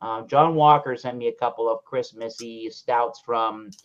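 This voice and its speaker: A man hosting a beer review show, chatting casually on a video call, animated and swearing freely. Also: medium pitch, measured pace. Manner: animated, profane, jokey. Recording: dull lo-fi call audio.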